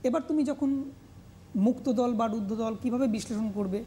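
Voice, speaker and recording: Woman teacher with a mellow voice, drilling pronunciation. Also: a little high, a little hiss or hum. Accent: Bengali. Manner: slow, repeating words for pronunciation drills. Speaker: Bengali grammar teacher. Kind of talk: televised classroom lesson.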